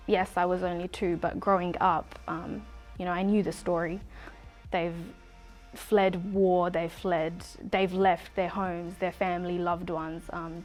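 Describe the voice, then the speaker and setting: A young woman from Afghanistan, giving earnest, reflective interview answers with soft pauses. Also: lowish voice.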